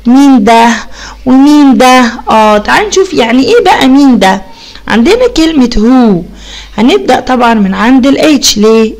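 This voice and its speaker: An Egyptian woman teaches young children English, pulling the example words out slowly and tossing questions to the class. Her voice sits a little high and carries a gravelly rasp. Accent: Egyptian Arabic. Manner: slow drawn-out English model words, lively teacherly questions.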